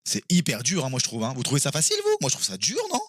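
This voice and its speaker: A man streaming live and playing a quiz game with his viewers, excitable and quick to exclaim and swear when he is stuck. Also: mid-range voice, slightly rough, no echo.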